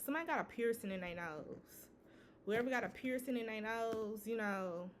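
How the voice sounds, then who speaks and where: Casual tarot-reading woman, higher voice. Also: normal speed, a little hiss or hum. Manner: loose, repetitive, sprinkled with "you know" and swearing. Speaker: tarot reader.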